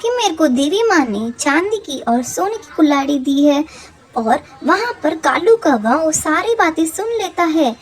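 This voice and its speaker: A woman narrating a cartoon fable in a plain, steady storytelling way. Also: sits high, a little slow, slight background noise.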